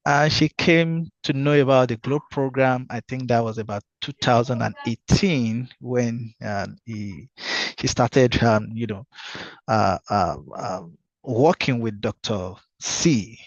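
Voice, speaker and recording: A man's voice: mid-range voice, slow, no room sound. Hesitant man hosting a webinar. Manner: hesitant, many fillers and restarts. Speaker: webinar host. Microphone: video call microphone. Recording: dull, dry video call audio.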